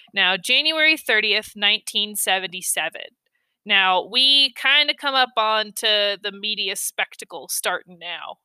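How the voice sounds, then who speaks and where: A woman's voice: medium pitch, pushed and bright, clear, resonant tone, no room sound. A young woman hosting a podcast, telling a true-crime story in a casual way, full of ums and blunt offhand asides. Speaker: podcast host.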